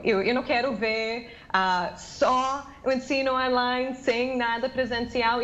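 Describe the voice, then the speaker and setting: An American woman, a native English speaker with a fairly high voice, is interviewed remotely for the news over a dull video call from her home office. An English teacher, she's chatty, with many "ah" fillers and restarts.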